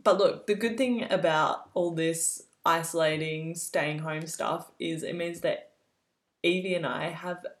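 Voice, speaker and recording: A woman co-hosting a podcast in casual chat, upbeat and quick to laugh. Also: deep voice, fairly even intonation, reverberant. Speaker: podcast co-host.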